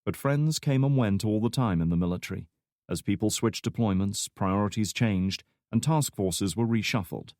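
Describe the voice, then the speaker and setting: Low-voiced man reading an audiobook. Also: moderate pace, darkish tone, no room sound, studio quality. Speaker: audiobook narrator. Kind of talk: scripted narration.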